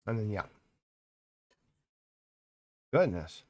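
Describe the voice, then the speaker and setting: A man's voice: fairly low pitch, big pitch swings, brisk, darkish tone, no room sound, studio quality. A man chatting casually on a live stream, rambling and exclaiming to his viewers.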